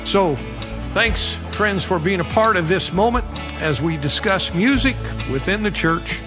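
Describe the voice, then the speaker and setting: An older man from the American Midwest hosts a studio podcast as a pastor. He speaks in a measured, earnest and formal way, with a fairly high voice. A music bed plays clearly behind him. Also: animated. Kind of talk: podcast interview.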